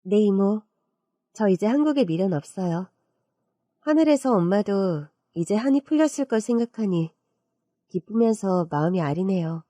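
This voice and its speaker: A woman voicing a grateful teenage girl who speaks softly and earnestly. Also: medium pitch, lively intonation, moderate pace, no room sound, close to an everyday voice. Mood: tender.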